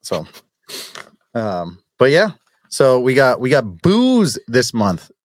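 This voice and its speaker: Man, podcast co-host, animated pitch, jokey banter, dry close mic. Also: slow pace, no echo. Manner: jokey, laughs often, lively banter. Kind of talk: casual podcast chat.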